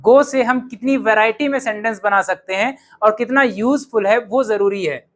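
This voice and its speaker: A man teaching English to a class, calling out phrases loudly for students to repeat in a drill. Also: sits high, moderate pace. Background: students' voices.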